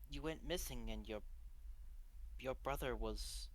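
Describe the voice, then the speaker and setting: A man's voice: mid-range voice, a little slow, poor audio. A man player in a tabletop game, earnest, repeating words while he gathers his thoughts. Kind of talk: casual tabletop play.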